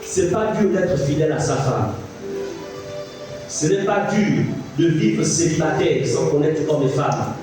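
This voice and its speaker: The pastor, in his fifties, speaks a little high with lively intonation and an unhurried delivery, emphatically repeating lines and asking the congregation questions. The sound echoes through the church from a distant microphone, with music audible.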